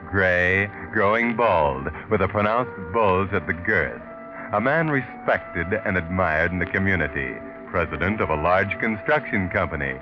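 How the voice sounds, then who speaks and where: An actor playing a sinister, all-knowing narrator with a theatrical, deliberate delivery in a 1940s radio mystery. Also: male voice, sits low. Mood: sardonic, foreboding. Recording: dull vintage 1940s radio recording. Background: music.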